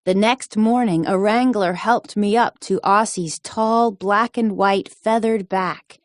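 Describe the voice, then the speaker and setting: Slow, dry-voiced woman reading a storybook. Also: mid-range voice, steady tone, no room sound. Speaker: storybook reader. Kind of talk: children's storybook narration.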